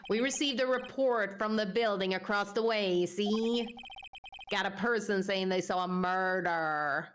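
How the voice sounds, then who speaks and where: A blustering male detective with a New York accent barks his lines, as a woman acts him out. The delivery is slow and measured, tagging lines with "see?", and the voice sits at an everyday middle pitch. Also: slight background noise, natural voice. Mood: brusque. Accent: put-on New York. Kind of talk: reading game dialogue aloud.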